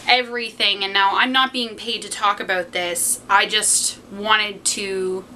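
A Canadian woman in her twenties chatting casually in an unboxing vlog, keeping her voice fairly quiet at night in a room at home. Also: medium pitch, steady tone, a little slow, rough recording. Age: 20s. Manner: keeping fairly quiet at night while someone sleeps nearby. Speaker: vlogger. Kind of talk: casual unboxing and review chat. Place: small home room, indoors. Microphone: camera mic a short distance away. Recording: home camera recording with faint background noise.

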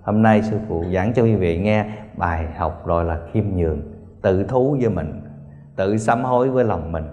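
A man giving a sermon to meditation students, telling stories in an animated way, laughing often and asking his listeners again and again whether they see. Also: lowish voice, moderate pace, lo-fi sound. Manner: storytelling, animated, laughing, repeated rhetorical questions. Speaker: spiritual teacher. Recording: long hall reverb, faint music.

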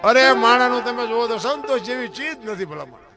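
A man's voice: very high voice, normal speed. A man giving a folk dayro talk, asking his listeners rhetorical questions and calling them bapu. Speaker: folk literary speaker. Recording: guitar music playing behind.

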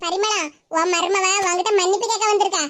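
A woman voicing a coaxing, familiar village woman friend with a Tirunelveli Tamil accent in an animated cartoon. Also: extremely high pitch, quick pace, very noisy, pitched below the performer's own voice.

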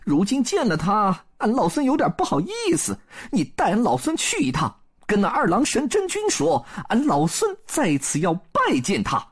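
High, husky, swooping Monkey King. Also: normal speed, heavily acted. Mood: sheepish. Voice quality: high-pitched, sharp. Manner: excitable, swooping delivery. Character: Monkey King, brash, clever, sociable monkey hero.

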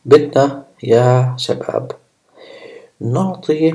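A man's voice: mid-range voice, takes it slowly, warm tone. A man teaching a casual coding tutorial, chatting with viewers as he types at his computer. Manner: chatty, talks to viewers while typing code. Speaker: programming instructor. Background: keyboard typing.

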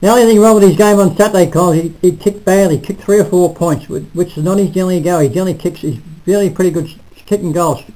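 An older man reviewing a local football match in casual, halting talk full of restarts, recorded on a close webcam in a small room. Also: high-pitched, dark tone, poor audio. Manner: rambling, halting, self-correcting. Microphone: webcam at close range.

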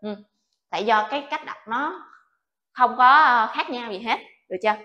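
A patient woman teacher walks students through an alphabet lesson, coaxing them and checking in after every few sounds. Her voice sits a little high, and the room around her rings with echo. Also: moderate pace, sharp tone, dull audio. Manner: patient, coaxing, checks in with "được chưa?" often. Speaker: Japanese language teacher. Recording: echoey room.

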